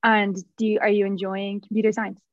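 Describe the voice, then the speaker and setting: A young woman hosts a casual interview at a medium pitch. Her audio is dry and a little dull, with conversational, informal phrasing. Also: level tone, a little fast, dry recording. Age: young adult. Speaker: podcast host, student.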